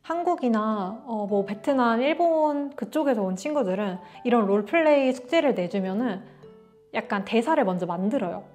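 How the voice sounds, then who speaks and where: A young woman from Korea tells a personal story straight to camera in a relaxed vlog. Her voice sits a little high, and she slips into quick acted-out dialogue. Faint background music plays beneath her. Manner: animated, acts out dialogue in quotes. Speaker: vlogger.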